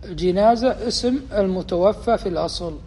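A man teaching a religious lesson, explaining deliberately and quizzing his students as he goes. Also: high voice, mellow, a little hiss or hum. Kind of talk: explanatory lecture. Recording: long reverb, faint ambience.

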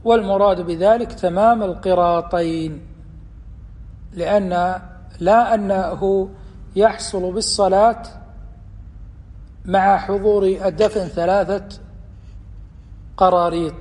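High-voiced man teaching in a reverberant hall. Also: steady tone, a little mellow. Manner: measured, deliberate explanation with slow quoted passages. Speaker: Islamic teacher. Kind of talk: religious lesson explaining hadith.

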